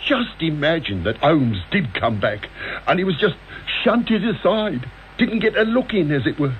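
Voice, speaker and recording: A man's voice: fairly high pitch, big pitch swings, moderate pace. A man acting an eager, deferential police inspector in a radio drama, chatty and colloquial, with a working-class English accent. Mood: eager, insistent. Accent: British, working-class English. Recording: muffled, noisy old radio broadcast recording.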